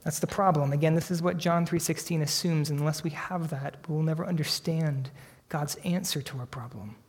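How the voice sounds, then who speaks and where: A man preaching a sermon, earnest and emphatic, slowing down for dramatic weight on key phrases. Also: on the high side, breathy edge. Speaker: pastor. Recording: long hall reverb.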